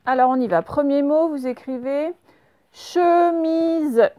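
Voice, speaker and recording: Woman, teacher, slow dictation, letter-by-letter spelling, slightly high voice, dry close sound. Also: steady tone, warm tone, clear, resonant tone, no echo, highs cut off. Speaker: primary school teacher. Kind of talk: remote handwriting and dictation lesson.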